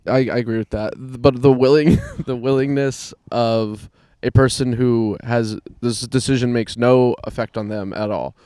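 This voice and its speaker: A male comedian in casual chat with his co-host. He jokes dryly and throws in wry asides. His voice sits at an ordinary middle pitch, and the recording is close and dry, with no room sound. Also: fairly even intonation, normal speed, hardly any pauses, dark tone, clear, resonant tone, no room sound.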